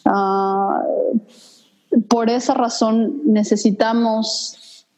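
A woman's voice: fairly high pitch, steady tone, very slow, darkish tone, rough recording. A woman from Mexico City with a Mexico City accent, talking casually and thoughtfully about her studies and interests, with many hesitant fillers. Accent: Mexico City Spanish. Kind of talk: casual conversation.

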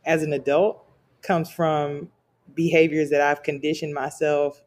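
A man's voice: fairly high pitch, flat delivery, unhurried. A man talking reflectively in a casual podcast chat, often restarting his sentences as he thinks. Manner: thoughtful, self-correcting restarts.

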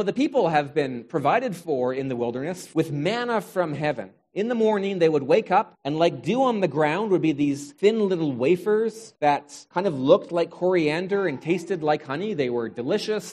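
A man's voice: fairly high pitch, expressive, normal speed, hardly any pauses, darkish tone. Wry male preacher telling a Bible story. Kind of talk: sermon.

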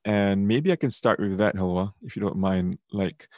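A man's voice: lowish voice, moderate pace, a little mellow, no echo. A man from Singapore with a Singaporean accent, hosting a conversational podcast. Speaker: podcast host.

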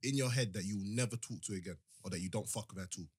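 Husky, very fast young London roadman. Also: fairly low pitch, a little mellow, dry recording, clean studio sound. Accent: London, multicultural urban slang. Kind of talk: casual group chat.

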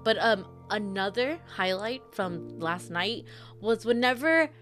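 A woman's voice: mid-range voice, expressive, takes it slowly, music in the background. A young woman in casual chat about games, giggly and loose, swearing now and then.

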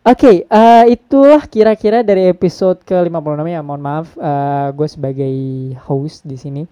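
A man hosting a casual podcast, relaxed and mixing English phrases into his talk. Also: fairly high pitch, moderate pace, clean tone, no room sound, dull audio. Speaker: podcast host.

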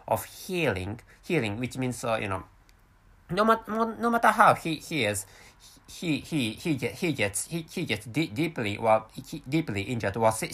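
On his solo podcast, a Japanese man in his thirties rambles in English, his second language, carrying a Japanese accent. The delivery is halting, marked by many restarts and repeated words, in a medium-pitched, fairly bright voice.

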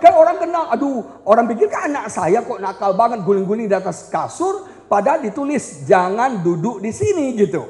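A man preaching a lively sermon at a church retreat, animated and joking with the congregation as he acts out quotes. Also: very high-pitched, fairly quick. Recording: echoey hall reverb.

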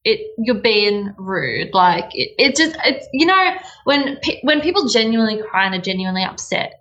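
Answering interview questions in a casual chat, a young woman with an Australian accent sounds bubbly and giggly, stretching out words for emphasis. She speaks at an everyday pitch and moderate pace with a relaxed, conversational delivery, though the highs are cut off.

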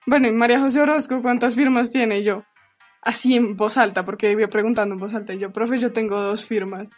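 A young woman, hosting a podcast and telling a story in a casual, animated way. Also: on the high side, fast, faint music behind. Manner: animated, laughing while telling. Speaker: podcast host.

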